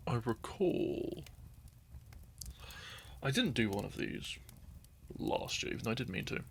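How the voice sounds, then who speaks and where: Meandering and unscripted, a young man who makes audio content chats to his listeners, frequently laughing, drifting off track, and sipping wine. His mid-range voice is creaky and a little slow, with big pitch swings, and a slight hiss or hum runs underneath.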